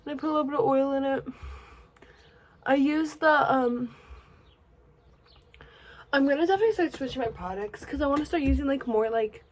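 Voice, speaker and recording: A woman's voice: high voice, a little fast, pauses often. Sleepy chatty young woman. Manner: rambling, chatty, drifts into soft murmurs. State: sleepy, yawning. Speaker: beauty vlogger. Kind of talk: casual get-ready-with-me chat.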